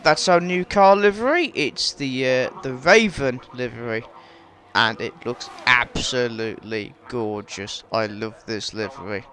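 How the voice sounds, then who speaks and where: A man commentating his own racing game run, halting and full of fillers, then bursting into shouting excitement, his voice straining. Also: fairly high pitch, slight background noise, poor audio. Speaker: gaming YouTuber commentating his own race. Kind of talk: excitable race commentary over gameplay.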